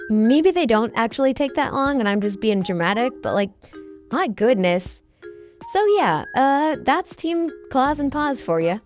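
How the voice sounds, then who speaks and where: A young woman speaks in a high register, altered by a voice changer. She gives casual, off-the-cuff commentary as a hobby artist hosting her own video, informal and self-deprecating, with music playing behind her. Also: darkish tone.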